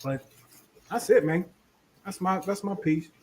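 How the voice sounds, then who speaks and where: Animated man chatting on a call. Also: sits high, measured pace, a little hiss or hum. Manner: animated, laughs often, repeats himself. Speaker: podcast co-host. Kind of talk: casual group chat on a video call.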